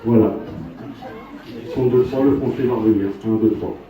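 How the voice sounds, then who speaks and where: A male stage hypnotist at a live show, giving slow, commanding suggestions and counting people in and out of trance. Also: medium pitch, steady tone, warm tone, distant mic. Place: live show at a campsite venue. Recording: echoey live venue, voice from afar.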